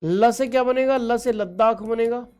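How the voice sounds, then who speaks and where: Female exam-prep teacher, slightly high voice, affectionate and repetitive, quizzes her class over a map. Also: normal speed, a little mellow, clean tone. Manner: affectionate, addresses students as children; repeats and quizzes, frequent "okay ji" check-ins. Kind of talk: online geography lesson over a map.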